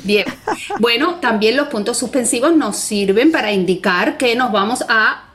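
A guest who is an expert on the Spanish language, a woman, explains punctuation in conversation, patient and methodical, often checking in with tag questions. Her voice is on the high side and fairly bright, at a moderate pace.

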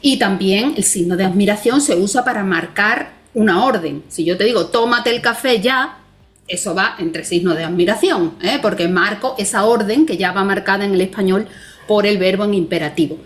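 A woman's voice: mid-range voice, brisk. A woman guest explaining punctuation in a conversation, patient and methodical, often checking in with tag questions. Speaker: Spanish language expert guest.

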